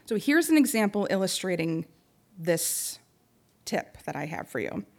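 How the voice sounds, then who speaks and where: A young adult woman giving a prepared talk on supporting grieving people, speaking gently and pausing often. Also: lowish voice, big pitch swings, vocal fry.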